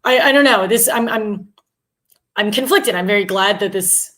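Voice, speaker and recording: A woman's voice: medium pitch, normal speed, fairly bright tone. A woman co-hosting a casual TV recap chat, speaking bluntly with strong opinions and some swearing. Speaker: podcast co-host.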